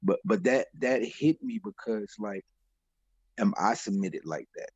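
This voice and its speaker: A man with a gravelly, husky voice, reflecting in a slangy, casual Bible study discussion. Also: lowish voice, huge pitch swings, a little slow, darkish tone, no room sound, dull audio. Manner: reflective, slangy, says bro.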